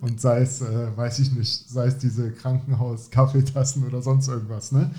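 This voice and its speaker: In a casual interview chat, a podcast host speaks with a warm, medium-pitched male voice. His sentences run long and rambling, often ending with the tag "ne?".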